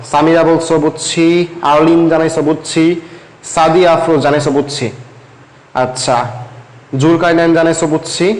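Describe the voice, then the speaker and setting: A young man teaching a live online class, repeating his questions and reading out student comments in a conversational way. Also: on the high side. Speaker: online tutor. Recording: echoey room.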